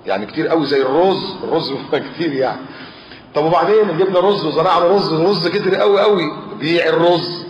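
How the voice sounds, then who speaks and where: A man preaching with an Egyptian Arabic accent, telling stories in a lively colloquial sermon and asking and answering his own questions. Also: fairly high pitch, slight background noise. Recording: roomy, dull lo-fi recording.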